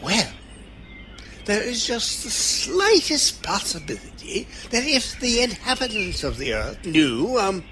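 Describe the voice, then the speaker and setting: Man acting bright, dithering eccentric alien doctor. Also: high voice, sing-song, takes it slowly, slight background noise, heavily acted. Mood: awkward, reassuring. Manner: dithering, full of ums, chuckles and broken phrases. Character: eccentric, kindly, cheerful old time-travelling alien doctor. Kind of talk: audio drama acting.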